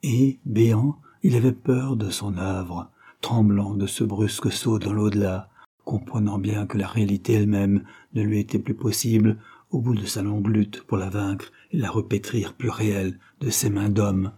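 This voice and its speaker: A man reads a classic novel aloud as an audiobook, measured yet expressive. His low voice has a dark, mellow tone and a husky grain.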